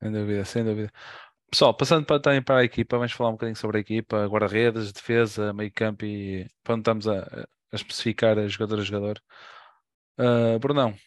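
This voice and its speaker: A man with a Portuguese accent hosts a podcast panel, calling on each speaker by name and cracking jokes. His voice is a little low and quite flat in melody. The sound is dry and close. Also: fast talker, no room sound. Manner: joking, addresses panelists by name. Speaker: moderator. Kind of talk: casual podcast hosting.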